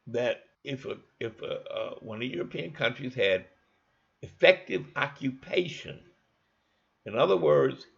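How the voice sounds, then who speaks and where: A man's voice: mid-range voice, vocal fry, a bit bright, slightly rough. A man giving a folksy, conversational history lecture, walking listeners through maps. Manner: folksy, conversational, asks listeners to think along. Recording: dull lo-fi recording.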